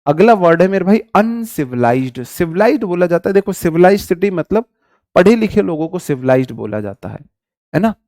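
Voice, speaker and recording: A man's voice: high-pitched, big pitch swings, fairly quick, a little mellow, no echo, clean studio sound. A man teaching vocabulary in a live online lesson, chatty and joking, calling his viewers brother.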